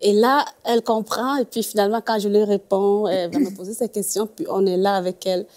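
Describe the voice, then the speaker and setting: A woman's voice: medium pitch, steady tone, fairly quick, darkish tone. A woman guest on a faith talk show, telling a story earnestly and laughing often.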